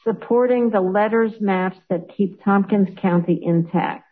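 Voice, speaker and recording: A woman's voice: medium pitch, unhurried, slightly rough. A woman legislator presenting a resolution at a public meeting, speaking hesitantly with many fillers, over a remote call. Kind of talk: formal meeting remarks. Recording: tinny phone-like audio.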